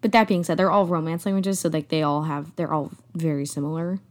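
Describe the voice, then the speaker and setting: A young American woman co-hosting a podcast, explaining things in a relaxed, self-deprecating way. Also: sits low, a little fast. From United States. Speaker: podcast co-host. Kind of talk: casual chat.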